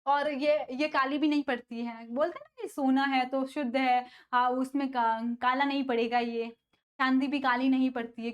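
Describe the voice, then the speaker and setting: High-voiced Hindi science teacher, quizzing. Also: female voice. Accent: North Indian Hindi. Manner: asks a question and answers it herself; playful storytelling asides. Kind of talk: classroom lecture with call-and-response questions.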